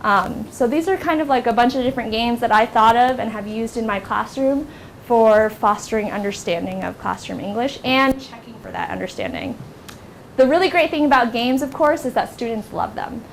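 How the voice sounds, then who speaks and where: A young woman from the United States leading a teacher workshop in a classroom, lively and acting out classroom scenes in a high teacher voice. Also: normal speed, slight background noise. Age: young adult. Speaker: workshop instructor. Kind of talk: teacher training workshop talk.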